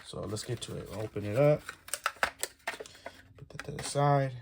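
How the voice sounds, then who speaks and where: A DIY video host with a mid-range voice talks through each step of a casual, hands-on tutorial as he works, at a moderate pace. The recording is clear, with background noise and clicks.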